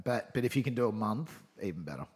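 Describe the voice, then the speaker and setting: A man's voice: lowish voice, big pitch swings, fast, darkish tone, breathy edge. Laid-back blokey Australian man chatting. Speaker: podcast guest. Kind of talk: casual chat.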